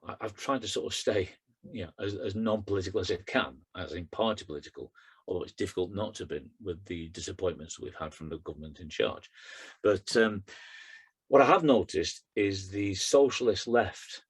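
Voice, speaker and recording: Husky middle-aged man, chatty poet. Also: lowish voice, normal speed, fairly bright tone. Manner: chatty and rambling with fillers, rhythmic when reciting. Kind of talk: book launch talk and poetry reading.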